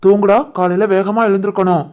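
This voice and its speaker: A woman voicing a caring, gentle but firm father in an animated family drama, with a calm, reassuring manner and a Tirunelveli Tamil accent. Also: medium pitch, a little fast, lightly acted.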